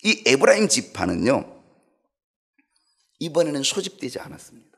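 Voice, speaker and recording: A middle-aged male pastor preaching a sermon in an animated way, asking the congregation questions. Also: medium pitch, normal speed, creaky, breathy edge.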